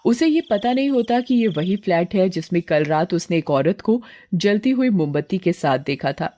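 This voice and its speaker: A woman narrating an animated horror story in a plain, steady storytelling voice. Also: fairly low pitch, moderate pace.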